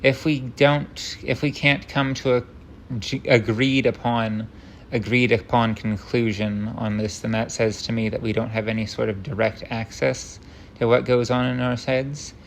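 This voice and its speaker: Gravelly man on a rambling, tangent-filled rant. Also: mid-range voice, flat delivery, measured pace, slight background noise. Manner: rambling, tangent-prone rant, self-interrupting; wry, self-deprecating humor. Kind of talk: unscripted rambling monologue.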